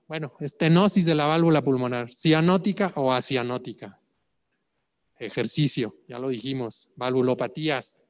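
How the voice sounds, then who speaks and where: A man's voice: medium pitch, normal speed, big-room sound. A man lecturing on clinical cases, asking rhetorical questions and checking in with "ok?". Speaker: medical exam prep lecturer.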